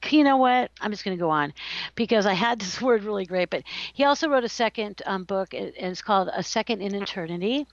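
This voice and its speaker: A woman's voice: mid-range voice, animated, brisk, no room sound. Giggly chatty woman host, lo-fi sound. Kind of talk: casual radio-show chat. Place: California.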